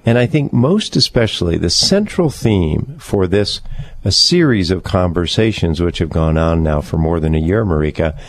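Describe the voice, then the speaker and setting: Deep-voiced male radio host. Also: lively intonation. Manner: measured, with many fillers. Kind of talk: radio interview. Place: radio studio.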